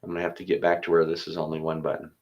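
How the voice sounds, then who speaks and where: Male pastor, low register, relaxed conversational delivery with brief prayer. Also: very fast, dull audio. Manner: easygoing, thinks aloud, chuckles between thoughts. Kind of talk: casual chat and spoken prayer.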